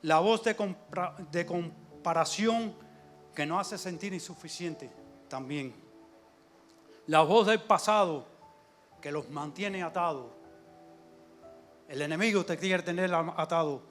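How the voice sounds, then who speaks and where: A man's voice: high-pitched, unhurried, long pauses. A man preaching a fervent sermon in a church, calling out amen and hallelujah often. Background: soft instrumental music.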